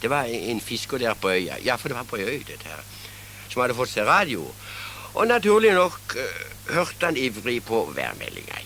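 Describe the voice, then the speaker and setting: A man's voice: mid-range voice, wildly swooping pitch, vocal fry, bright, forceful tone, a little hiss or hum. An older man with a Southern Norwegian accent telling humorous anecdotes, often chuckling at his own jokes and restarting his sentences. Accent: Southern Norwegian, Kristiansand area. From Southern Norway. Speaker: storyteller.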